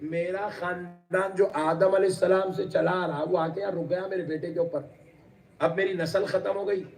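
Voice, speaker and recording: A man's voice: high voice, fairly even intonation, far from the mic. A man voicing a weary, grieving old woman in a sermon story, plaintive and dismissive.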